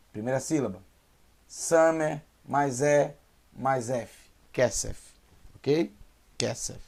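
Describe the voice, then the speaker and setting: Man, Hebrew teacher, slow deliberate pace, gravelly husky voice, repeats syllables. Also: mid-range voice. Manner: patient, repeats syllables slowly and drills pronunciation. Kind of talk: online language lesson.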